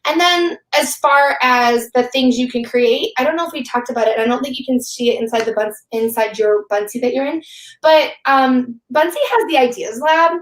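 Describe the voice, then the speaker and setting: A woman's voice: sits high, normal speed, roomy sound, rough recording. A woman teacher chatting casually on a live webinar, rambling and filling her talk with "like". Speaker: teacher and guest.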